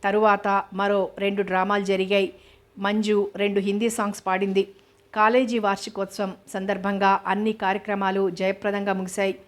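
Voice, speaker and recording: Woman reading a novel in a flat voice. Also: medium pitch, normal speed. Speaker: narrator.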